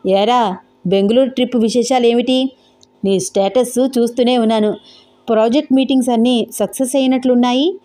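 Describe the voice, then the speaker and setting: A woman's voice: fairly high pitch, steady tone, moderate pace, mellow, natural voice. A woman doing a teasing young buddy. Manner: casual, teasing. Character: easygoing young man, teasing best friend.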